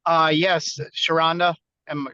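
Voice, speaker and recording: A man's voice: fairly high pitch, level tone, sharp tone, dry recording. Man on a muffled car speakerphone. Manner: halting, thinks aloud in short phrases. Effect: car speakerphone call while driving. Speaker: county council member. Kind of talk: webinar panel comments. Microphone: phone speaker in a moving car. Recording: muffled phone line, dry.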